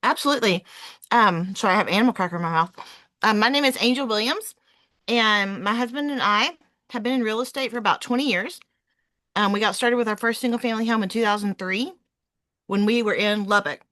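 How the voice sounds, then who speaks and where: A woman's voice: fairly high pitch, fairly quick, pushed and bright, dry recording. A woman in her forties, a real estate investor answering interview questions in a chatty way, with many "um"s and self-corrections.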